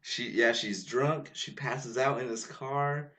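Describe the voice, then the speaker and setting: A man's voice: mid-range voice, takes it slowly, pushed and bright. Man with dry sarcastic quips. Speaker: podcast co-host. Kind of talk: casual chat.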